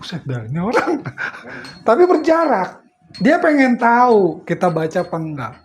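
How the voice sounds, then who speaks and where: A middle-aged man preaches in a relaxed, chatty way with a high voice. He laughs often as he tells his stories. Faint noise sits behind him. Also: moderate pace. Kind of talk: casual religious study talk.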